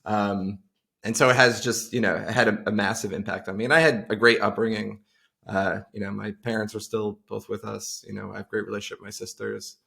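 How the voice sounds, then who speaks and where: A man in his forties from Long Island, speaking with a gravelly, creaky edge as a podcast guest. He rambles loosely, circling back with fillers and restarts as he talks over a video call. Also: lowish voice, steady tone, a little fast, sharp tone. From Long Island, New York. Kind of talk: casual interview chat.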